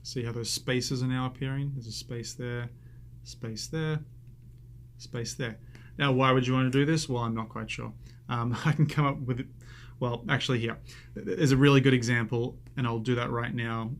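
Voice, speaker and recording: A man's voice: mid-range voice, fairly even intonation, moderate pace. A man teaching a coding lesson over a screen recording, chatty and self-amused, thinking aloud as he types.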